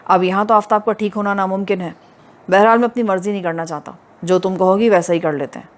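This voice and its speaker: A woman voicing a scheming man in an audio novel, recounting his plot in a calm, cunning way. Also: medium pitch, natural voice.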